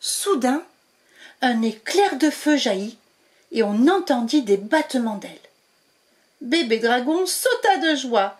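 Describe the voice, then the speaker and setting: Woman storyteller, slow read-aloud, voice that rises and falls a great deal. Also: high voice, big pitch swings. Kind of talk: children's storybook reading.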